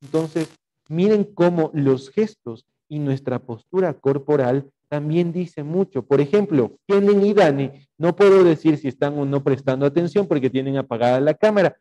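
The audio is dull in this online class lecture by a young man with an Ecuadorian Spanish accent. His mellow voice is fairly high and moderately paced as he explains, dictates notes, and leans on fillers and rhetorical checks.

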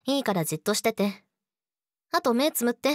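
A woman's voice: on the high side, expressive, brisk, dry recording, clean studio sound, natural voice. A woman playing a sweet but eerily obsessive, jealous young girlfriend in a teasing audio drama spoken to the listener. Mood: teasing, menacing. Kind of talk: Japanese situation voice audio drama, addressed to the listener.

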